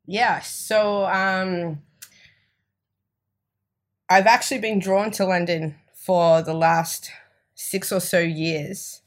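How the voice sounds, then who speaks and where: A woman's voice: lowish voice, fairly even intonation, very slow, long pauses. A woman with an Australian accent, a guest on a podcast, talking in a reflective way with easy laughter. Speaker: guest, energy and mindset coach. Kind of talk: casual podcast interview. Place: indoor room.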